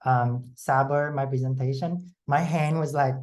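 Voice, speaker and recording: A nervous Vietnamese man, a native Vietnamese speaker, gives an online presentation as an educator and fellowship presenter over a video call. His mid-range voice is steady and a little mellow, with halting, non-native phrasing.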